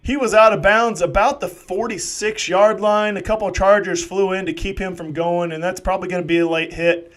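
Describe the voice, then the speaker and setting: A man doing live play-by-play football commentary, excitable and jokey with rambling asides. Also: high-pitched, fairly quick, hardly any pauses.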